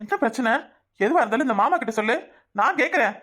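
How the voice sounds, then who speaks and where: A woman's voice: a little high, expressive, quick pace, fairly bright tone. A woman with a southern Tamil village dialect voicing a middle-aged village husband who coaxes and then grows indignant in a cartoon. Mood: coaxing. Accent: southern Tamil Nadu village dialect. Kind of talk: cartoon voice acting.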